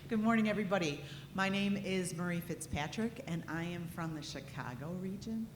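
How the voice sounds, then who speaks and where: A woman in her fifties with a strong Midwestern American accent introduces herself as a financial aid trainer at a conference, chatty and self-deprecating. Her voice is lowish at a normal speed, recorded in an echoey, noisy conference hall.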